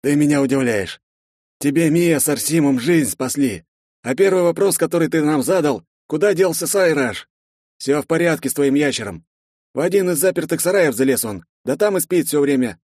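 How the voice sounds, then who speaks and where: A man voicing a gruff companion who speaks in a mocking, reproachful way. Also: on the high side, animated, moderate pace, a little mellow, dry recording, studio quality, voice pushed up. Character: gruff sarcastic male companion.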